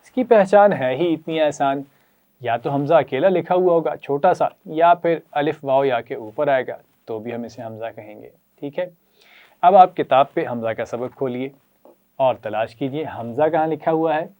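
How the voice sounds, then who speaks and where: A man's voice: on the high side, phone-quality sound. A man teaching children a Quran reading lesson with a Pakistani Urdu accent. He praises them often and leads them in repeating letters and sounds.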